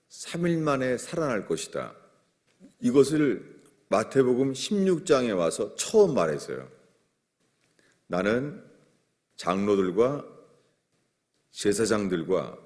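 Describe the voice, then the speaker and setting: A male preacher with a low voice and lively, swooping intonation, delivering a sermon. He explains scripture verse by verse and acts out the lines he quotes. A long reverb trails each phrase, as if recorded in a large hall.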